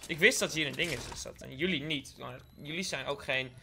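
A man's voice: on the high side, fairly quick, vocal fry, bright, forceful tone, faint music behind. A young man from the Netherlands with a Dutch accent, giving playful live gameplay commentary, joking with his viewers and dropping English slang. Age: young adult. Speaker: gaming YouTuber.

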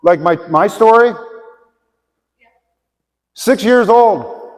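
A man's voice: high-pitched, extremely slow. A middle-aged man preaching a conversational sermon to a congregation in a large church auditorium, asking them direct questions. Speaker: pastor. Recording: long hall reverb.

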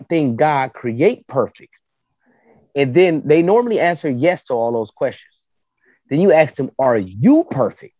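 Speaking at medium pitch, this podcast panelist makes his case through animated, argumentative stories, voicing both people in a quoted exchange. It's a casual chat captured in dull, lo-fi audio without any room sound.

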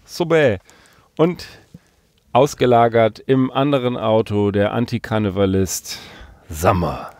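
A man's voice: lowish voice, measured pace, darkish tone. A man from Berlin hosting a casual podcast chat from inside a parked van, teasing his co-hosts with playful introductions. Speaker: podcast host. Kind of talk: casual chat among friends.

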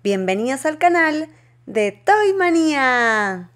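A woman hosting a children's toy show with a bright, sing-song, exclamatory welcoming delivery. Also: high voice, very animated, takes it slowly. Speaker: toy channel host.

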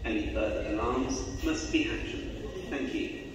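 A man making formal, measured announcements heard through station loudspeakers in an underground railway station. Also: fairly low pitch, crowd noise. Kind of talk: public address announcement. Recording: echoey loudspeaker heard from far off with background noise.

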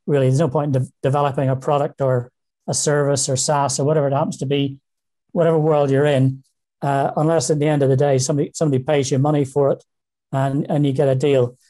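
A man in his sixties with a Northern Irish accent, speaking on a video call from a small room. His voice is mellow and dark, and he often repeats words as he thinks aloud in an easygoing interview. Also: on the high side. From Northern Ireland. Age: 60s. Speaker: interview guest. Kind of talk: casual interview talk. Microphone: video call webcam.

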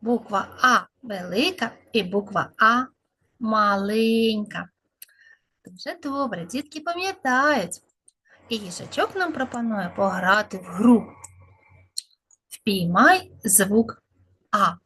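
A woman's voice: fairly high pitch, expressive, slow, long pauses, a bit bright, slightly rough. A woman speech therapist leading a lesson for small children, drawing out words in a sing-song way.

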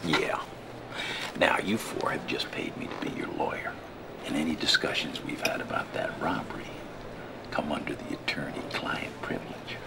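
An actor playing a crooked, scheming old small-town lawyer who talks in a smooth, folksy, often hushed and whispery way. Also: male voice, rumbling low, unhurried, heavy background noise. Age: older.

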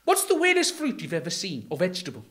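A man's voice: sits high, huge pitch swings, quick pace, fairly bright tone. A man, a children's pastor, cracking goofy puns and rambling through fruit and veg jokes on a kids' church show. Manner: goofy, pun-loving, rambling.

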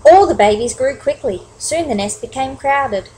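A woman reading a children's picture book aloud, expressive, with chatty asides to young listeners. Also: sits high, normal speed, a little hiss or hum, low-quality recording. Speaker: storybook reader. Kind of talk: children's story read-aloud.

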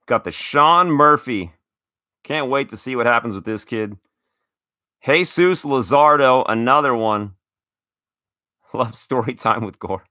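A man in his thirties hosts a casual card-opening chat, gushing with thanks and tripping over his words as he restarts sentences. His voice is bright and forward. The sound is dry and close, with no room echo. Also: medium pitch, measured pace, long pauses. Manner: enthusiastic, grateful, stammering restarts. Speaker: card collecting show host.

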